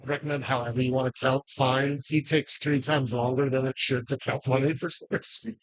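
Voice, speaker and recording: A man's voice: medium pitch, fairly even intonation, fairly quick, no room sound, rough recording. A man talking in a casual, chatty way. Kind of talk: casual chat.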